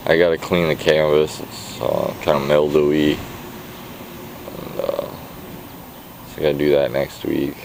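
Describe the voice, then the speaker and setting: A man's voice: very deep voice, little pitch movement, takes it slowly, pauses often, a little mellow, a little hiss or hum, poor audio. A man in a casual vlog, rambling in a tired, mumbling way with his words trailing off. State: tired and worn out. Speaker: vlogger. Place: outdoors at a garage.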